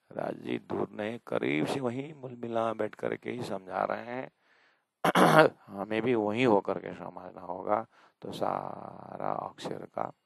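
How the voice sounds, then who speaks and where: A man's voice: low voice, vocal fry, no echo. A man giving a devotional discourse on scripture, explaining verses by voicing a dialogue and rising to emphatic appeals. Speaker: spiritual teacher.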